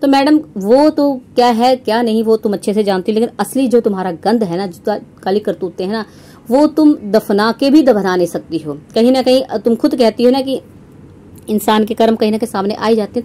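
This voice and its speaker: This young woman's reaction commentary is scornful and aimed right at her viewers, full of mockery and sarcasm and often closed with a rhetorical question. She talks fairly quickly in a fairly high, warm voice.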